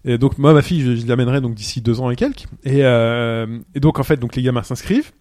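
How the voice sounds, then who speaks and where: A man in his thirties chatting casually as a podcast co-host, telling stories with lively acted-out scenes. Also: medium pitch, fast talker, no echo, studio quality. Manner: animated storyteller, acts out scenes. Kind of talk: casual chat.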